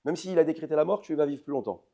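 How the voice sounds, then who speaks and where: A man in his forties, a rabbi, giving a lively lecture to an audience, swinging between loud emphatic outbursts and soft intimate asides, often asking the listeners questions. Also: fairly high pitch, fast, gravelly. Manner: addresses the audience directly with questions.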